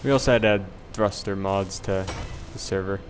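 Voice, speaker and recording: A man's voice: low voice, moderate pace, a little hiss or hum. A young man hosting a game session, rambling easily through stories about his in-game mishaps and laughing along. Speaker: channel host and player. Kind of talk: casual gameplay chat.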